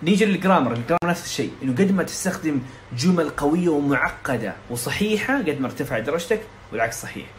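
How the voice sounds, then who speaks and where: Expressive and fairly high-voiced, a young man from Saudi Arabia gives a casual exam lesson, explaining things quickly and chattily. He restarts frequently and mixes in English words, and the audio carries a little hiss or hum.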